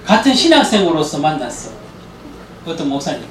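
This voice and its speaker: Animated man lecturing in a roomy hall. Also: on the high side, brisk, recorded from a distance, a little hiss or hum. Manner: animated storytelling, acting out quoted dialogue. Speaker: lecturer at a parenting school. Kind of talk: church lecture.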